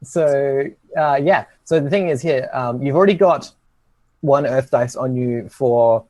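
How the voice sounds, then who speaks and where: A man running a tabletop game, casually and haltingly guiding players through rules with encouraging prompts. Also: mid-range voice, a little mellow, no room sound. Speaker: game master.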